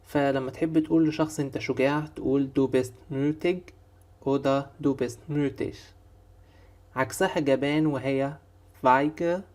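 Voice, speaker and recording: A man with an Egyptian Arabic accent teaching a German vocabulary lesson, patiently repeating each word slowly. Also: mid-range voice, a little mellow. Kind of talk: online language lesson.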